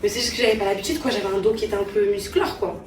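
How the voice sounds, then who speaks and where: Speaking very fast in a steady, medium-pitched voice, a vlogging mom cooks indoors in her home kitchen and talks casually to her viewers as girls. The room echoes with noise, and she's recorded from a distance.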